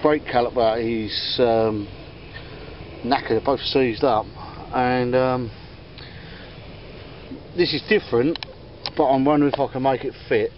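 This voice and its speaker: Filming himself in a garden with a camera mic, a vlogger shows off his auction finds in a casual, rambling chat full of ums and restarts. His middle-pitched voice is steady and a little slow. The slightly dull audio carries faint outdoor ambience, church bells, and a little hiss or hum.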